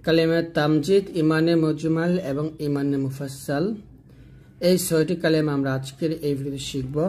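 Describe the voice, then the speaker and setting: A man's voice: a little high, a little mellow. Chanting Bangladeshi male recitation teacher. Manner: chants phrases slowly, then explains in quick asides. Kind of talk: slow, drawn-out recitation lesson.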